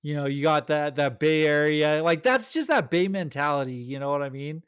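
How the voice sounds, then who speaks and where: A man co-hosting a podcast, chatting with enthusiasm and animated storytelling. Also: on the high side, moderate pace, clear, resonant tone, no room sound, studio quality. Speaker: podcast co-host. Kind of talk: casual chat.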